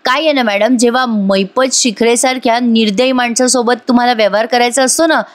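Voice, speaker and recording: A woman's voice: a little high, steady tone, a little fast, close to an everyday voice. Woman reading a cornered male witness. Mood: explaining.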